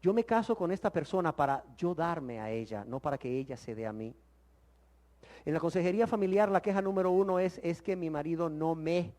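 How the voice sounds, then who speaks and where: A man teaching the Bible in sermon style, emphatic and full of rhetorical questions, swinging from loud exclamations to hushed words. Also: fairly high pitch, big pitch swings, fairly quick.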